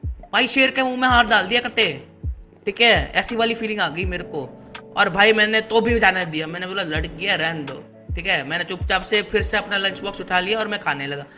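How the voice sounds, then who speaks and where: Lively young man telling a story. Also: high-pitched. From Gujarat, India. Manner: animated, slangy, peppered with buddy fillers. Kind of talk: casual storytime vlog.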